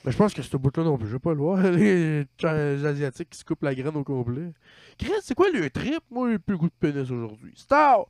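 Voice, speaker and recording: A man's voice: on the high side, expressive, fairly quick, dark tone, no room sound. Quebecois man, crude joking banter. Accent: Quebec French. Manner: swearing, laughing, trailing off.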